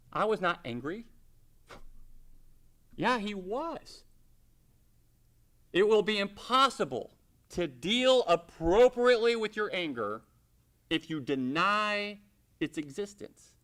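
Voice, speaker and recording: A middle-aged man preaching a sermon in a conversational way, reading scripture slowly and acting out everyday scenes. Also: high-pitched, pushed and bright.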